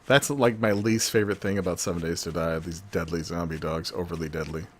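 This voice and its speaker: Deep voiced guy doing let's play commentary, chatty and joking around to himself. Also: fairly even intonation, brisk. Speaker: gaming video host.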